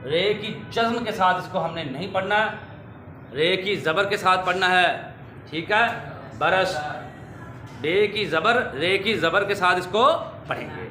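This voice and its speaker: A high-voiced man teaches pronunciation to children, going slowly and repeating each wrong form and then the correct one. His tone is bright and forceful. The room is echoey, with a faint hum of ambience behind him. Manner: slow, drills correct and wrong forms, addresses dear children. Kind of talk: classroom pronunciation lesson.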